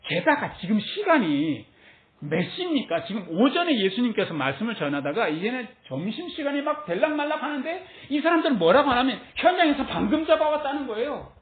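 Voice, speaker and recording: A woman leads a Bible lesson in a sermon style. Her voice rises and falls in wide, lively swings as she keeps asking her listeners questions and adds small laughs. The sound is narrow and phone-like, with a roomy echo around it. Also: fairly high pitch, brisk. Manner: asks the listeners many rhetorical questions; light laughs between phrases. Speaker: Bible teacher.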